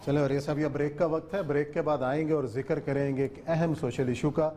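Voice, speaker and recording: A man's voice: on the high side, steady tone, dark tone, a little hiss or hum. A man hosting a TV talk show, asking short prompting questions and cueing the break. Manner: brief prompting questions, frequent short acknowledgments.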